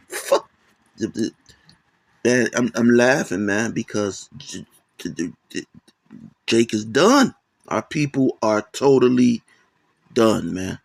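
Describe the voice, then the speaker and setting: A man's voice: mid-range voice, gravelly, no echo. A man hosting a religious commentary on videos, rambling and often checking in with "man" and "okay?". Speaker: channel host.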